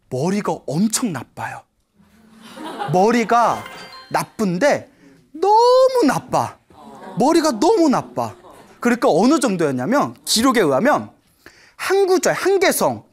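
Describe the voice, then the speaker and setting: A woman's voice: mid-range voice, slightly rough. A woman preacher telling a Buddhist story to a live audience, often checking in with them and laughing as she goes. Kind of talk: lively storytelling sermon.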